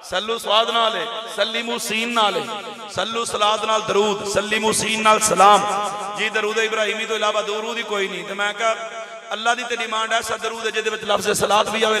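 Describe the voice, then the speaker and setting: Man, Punjabi accent, sermon preacher, high bright voice, reverberant hall. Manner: impassioned chanting and Quranic recitation, storytelling.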